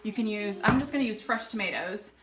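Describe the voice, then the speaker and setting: Here the forties-aged Texan alumna speaks in a mid-range voice at a fairly quick clip, laughing easily and saying um often. It's a casual chat to the camera her husband holds in the kitchen of their old English home, and the sound is reverberant and very noisy.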